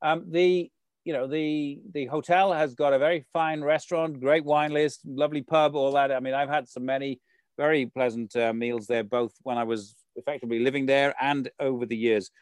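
A man's voice: mid-range voice, steady tone, normal speed, smooth, no room sound. A man hosting a local show, putting chatty, rambling interview questions in a conversational way.

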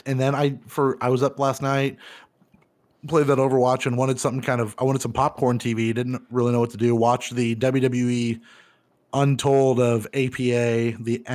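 A man in his thirties co-hosting a casual podcast, laid-back and profane, who gets loud and animated when retelling funny scenes. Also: medium pitch, moderate pace. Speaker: podcast co-host. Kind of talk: casual chat.

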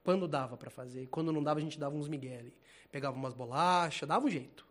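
A man preaching an informal sermon in a casual, animated, slangy way, laughing often. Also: fairly high pitch, quick pace.

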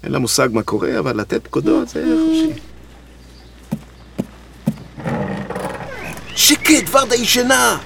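An actor playing a harried guesthouse owner who stammers and grumbles, in a comedy radio play. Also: male voice, very high-pitched, huge pitch swings, vocal fry, exaggerated voice. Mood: flustered. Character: flustered harried middle-aged man running a guesthouse.

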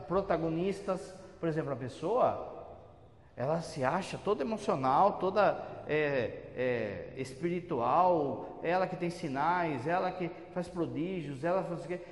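A Brazilian priest gives a homily in a chatty, teasing manner and imitates his parishioners. His voice sits a little high. It rings out with the long echo of a church. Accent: Brazilian Portuguese. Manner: conversational, teasing, mimics churchgoers.

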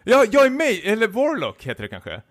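Playful man with a lively voice. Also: high-pitched. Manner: playful, breaks into laughter while reading. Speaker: podcast co-host. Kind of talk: comic reading of a self-written fan story.

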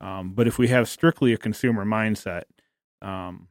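A man on a church podcast, talking things through in a halting way with many restarts. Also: fairly low pitch, dry recording, studio quality. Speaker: guest. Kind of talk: casual church podcast chat.

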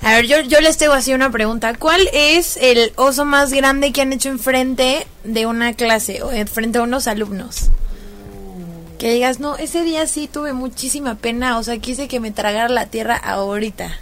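A woman with a Mexican accent hosting a casual podcast chat and asking lively questions. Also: fairly high pitch, moderate pace, a little hiss or hum. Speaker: host.

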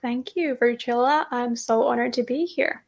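A woman with a Finnish accent, a guest in an interview, speaking softly and in a measured way with some hesitations. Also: fairly high pitch, fairly even intonation, creaky. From Finland. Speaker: guest, cycle coach. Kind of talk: conversational interview.

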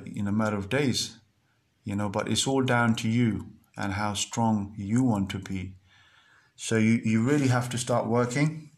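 A man's voice: fairly low pitch, a little mellow. A man hosting a podcast, speaking in an earnest, repetitive motivational monologue full of fillers and restarts. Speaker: podcast host.

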